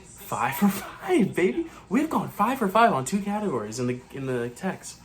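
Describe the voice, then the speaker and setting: Man hosting, keeping his voice low. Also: big pitch swings, moderate pace, faint music behind. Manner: talking low so as not to wake neighbors. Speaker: movie channel host. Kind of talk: live awards reaction chat, quietly at night.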